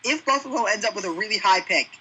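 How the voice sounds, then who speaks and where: A young man co-hosting a casual sports podcast, chatty and quick with jokes and side remarks. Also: high-pitched, lively intonation, bright, forceful tone, a little hiss or hum, rough recording. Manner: chatty, jokey interjections. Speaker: podcast co-host.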